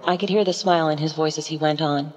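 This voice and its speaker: A woman giving steady first-person narration of a dark radio-play story, with a menacing edge. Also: sits low, fast talker. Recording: slightly muffled, with faint music underneath.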